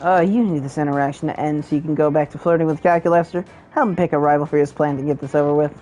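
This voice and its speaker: Fast, crude woman reading a dating game. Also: low-pitched, fairly even intonation, mellow, soft background music, poor audio. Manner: rapid, crude and joking. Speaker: player reading the game aloud. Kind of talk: casual profane let's-play narration.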